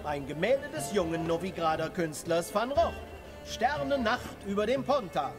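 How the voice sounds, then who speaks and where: A man's voice: high voice, animated, normal speed. A man voicing a flamboyant, courteous auctioneer in a video game, calling bids in theatrical, sing-song patter. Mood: showy, coaxing. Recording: music behind the voice. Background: music.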